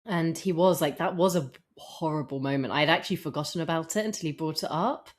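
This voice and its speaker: Casting: woman, lowish voice, casual chatty co-host who laughs easily. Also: fast talker. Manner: chatty, laughs often, quotes people in put-on voices. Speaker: podcast co-host. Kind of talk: casual chat.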